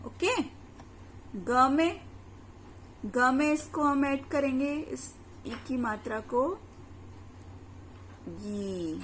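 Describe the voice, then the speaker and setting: A woman teaching children their letters, drawing out each syllable slowly for them to repeat and checking in with questions to the class. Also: high voice, fairly bright tone. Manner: slow, drawn-out syllables for repetition. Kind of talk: children's Hindi letters lesson. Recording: echoey room with faint ambient noise.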